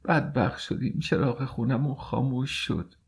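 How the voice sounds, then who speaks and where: A man's voice: mid-range voice, a little mellow, pitched above the performer's own voice, natural voice. A man voicing a grief-stricken middle-aged mother who wails and laments in an audiobook. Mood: wailing. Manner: keening, lamenting cries.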